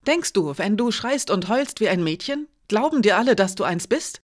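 Lady putting on a heated young guy, raised and loud, pointing fingers, storybook reading. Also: mid-range voice, animated, normal speed, lightly acted. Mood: accusing. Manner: heated, accusing. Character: angry accusing young man.

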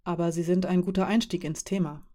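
A woman reading the lines of a calm, friendly man who is part elf and part dwarf, explaining things with quiet amusement. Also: on the low side, a little fast, lightly acted.

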